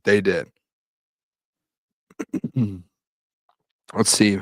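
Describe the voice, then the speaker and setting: Speaking extremely slowly in a lowish, steady voice, a young male host recaps practice on a solo sports live-stream, recorded dry. His talk rambles with many restarts, and he reads viewer questions aloud. He's losing his voice and clears his throat.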